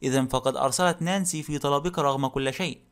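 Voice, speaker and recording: A man voicing a burly, short-tempered middle-aged man who talks bluntly and gruffly in an audiobook. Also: medium pitch, fast talker, close to an everyday voice. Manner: gruff and blunt, barking insults. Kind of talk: audiobook character reading.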